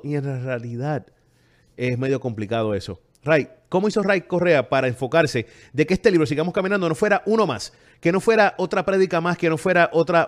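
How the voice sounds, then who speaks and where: A man leads the interview in a conversational way and drops in light asides. His voice sits a little high for a man.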